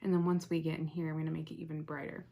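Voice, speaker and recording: A young woman hosting a casual, chatty makeup tutorial, rambling softly as she works and often dropping to a near whisper. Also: low voice, flat delivery, very fast, vocal fry. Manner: rambling, soft-spoken, talks while working, often drops to near whisper.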